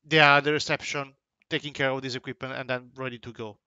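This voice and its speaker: A man's voice: medium pitch, level tone, quick pace, sharp tone, clear, resonant tone, dry recording, dull audio. A man narrating as game master of a tabletop game, hesitant with many fillers and restarts.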